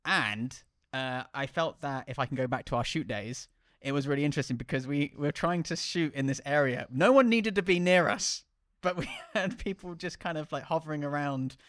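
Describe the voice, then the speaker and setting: A man co-hosting a casual podcast chat, easygoing and quick to laugh, often dropping into quiet mutters. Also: on the high side, no room sound, clean studio sound. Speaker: podcast co-host and filmmaker.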